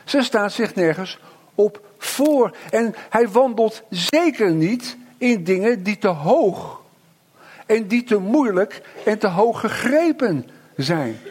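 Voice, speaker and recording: A middle-aged man preaching a sermon, reflective, with slow emphatic pauses and frequent tag questions. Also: sits high, a little mellow, husky.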